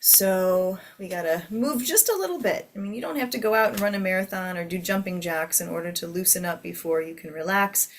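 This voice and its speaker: A woman teaching a guided meditation to a seated group in a soothing, gentle way. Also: lowish voice, a little fast, hardly any pauses, a little hiss or hum.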